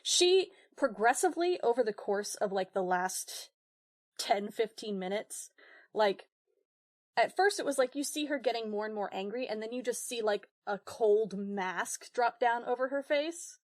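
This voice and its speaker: A woman's voice: on the high side, lively intonation, measured pace. A woman player in a tabletop game, casually describing what her character does. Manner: casual, with fillers and laughs.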